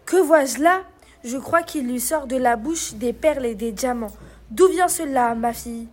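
A woman voicing a harsh, greedy mother in a read-aloud fairy tale, shouting her exclamations. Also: high-pitched, a little slow. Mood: astonished, shrill.

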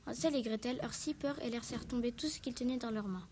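A woman reading a fairy tale aloud in steady storybook narration. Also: on the high side, quick pace, slight background noise.

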